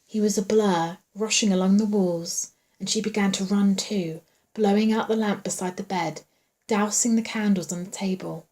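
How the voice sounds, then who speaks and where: A woman reads a horror novel aloud in a hushed, suspenseful voice of middling pitch. She draws out the creepy passages and at times sinks into a whisper. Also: fairly even intonation, normal speed. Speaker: audiobook reader. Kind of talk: dramatic horror novel reading.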